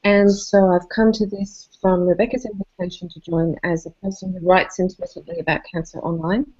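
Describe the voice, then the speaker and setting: A woman's voice: fairly low pitch, little pitch movement, brisk, a little mellow. A woman academic introducing herself casually. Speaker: humanities academic, participant. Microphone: video call. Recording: dull lo-fi video call audio.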